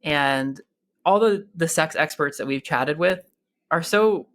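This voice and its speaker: A man hosting a podcast in a relaxed, conversational interview, upbeat and playful, laughing often and using many fillers. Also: on the high side, slow pace. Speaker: podcast host.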